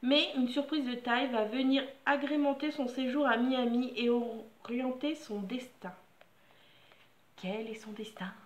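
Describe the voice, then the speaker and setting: A woman's voice: sits high, fairly even intonation, a little slow, hardly any pauses, echoey room. A woman casually reviewing books in a frank, joking way, reading out summaries and adding her own comments. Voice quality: chatty, frank and joking, reads blurbs then comments. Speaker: book vlogger. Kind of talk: casual book review chat.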